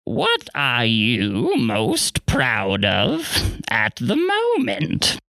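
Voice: mid-range voice, wildly swooping pitch, drawn-out words, creaky, bright, forceful tone, no echo, clean studio sound, full character voice. A performer playing Rumpelstiltskin, an ancient male imp who speaks grandly, with archaic words and a sing-song delivery. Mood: theatrical. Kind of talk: in-character interview.

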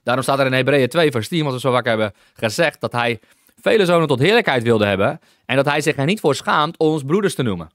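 A man leads a Bible teaching session with open enthusiasm, stopping to restart sentences and calling out hallelujah along the way. His voice sits at an ordinary middle pitch. The sound is close and dry, with no room echo. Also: animated, fast talker, a bit bright. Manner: enthusiastic, exclaims hallelujah often; many restarts while reading and explaining scripture.

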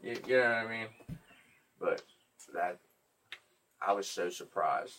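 A man hosting a podcast, telling stories in a casual, profane, animated way. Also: on the low side, measured pace, far from the mic, a little hiss or hum. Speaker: podcast host.

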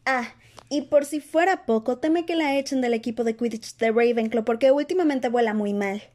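Woman doing a smart bossy schoolgirl, raised pitch, earnest, lecturing patiently in an audiobook. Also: normal speed, a little mellow, natural voice. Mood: explaining. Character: clever bossy teenage schoolgirl. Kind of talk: dramatized audiobook reading.

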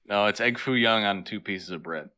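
A man co-hosting a casual podcast with a fairly low but bright voice. He teases his co-host and laughs easily. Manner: teasing, quick to laugh. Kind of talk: casual chat.

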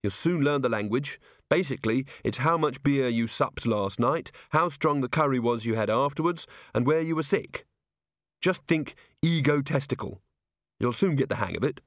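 A man's voice: medium pitch, moderate pace, dry recording, close to an everyday voice. A man voicing a frank, dry-witted young policewoman in a lightly raised, matter-of-fact voice. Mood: wry, frank.

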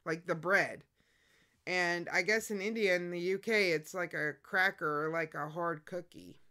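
A woman's voice: on the low side, fairly even intonation, unhurried, pushed and bright. A woman with an American accent co-hosting a live show in casual, conversational chat.

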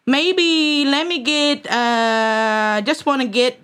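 A fussy prank caller with a thick put-on accent, as a woman plays her, asks halting, repetitive questions over the phone. Her voice sits high and bright. She keeps circling back and pressing for answers. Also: clean tone. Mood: pushy.

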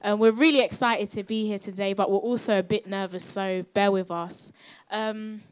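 A woman's voice: mid-range voice, fairly even intonation, moderate pace, clear, resonant tone. A seventeen-year-old woman with a South London accent, presenting a live podcast panel in a casual way. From South London, England. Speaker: podcast host moderating a panel.

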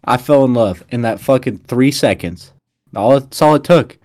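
A man's voice: mid-range voice, moderate pace, darkish tone. A young man telling stories in casual chat, blunt and profane, with frat-bro slang. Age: young adult.

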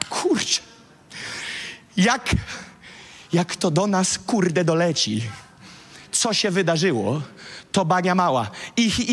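A man preaching a sermon, telling a Bible story in casual slang and acting out its dialogue with lively energy. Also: high-pitched, long reverb tail. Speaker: pastor.

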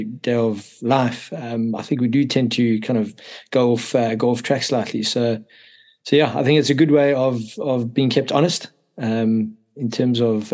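A man as a podcast guest, chatting casually in an agreeable, halting way. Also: mid-range voice, a little mellow. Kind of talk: casual discussion.

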